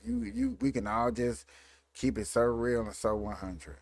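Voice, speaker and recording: A man's voice: mid-range voice, huge pitch swings, unhurried, gravelly, darkish tone. A man hosting a casual commentary vlog, rambling and repeating himself as he talks over clips. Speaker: vlog host.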